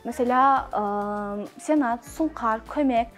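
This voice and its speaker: A young woman student presenting in halting, broken, Turkish. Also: fairly high pitch, faint music behind. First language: not Turkish. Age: young adult. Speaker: university student. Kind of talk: presentation to camera.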